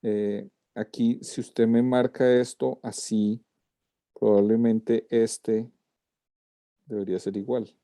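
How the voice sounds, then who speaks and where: A man's voice: on the low side, level tone, takes it slowly, warm tone, dry recording, studio quality. A man, a lettering teacher giving a student feedback over a video call, walking through corrections step by step. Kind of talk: class critique of student work.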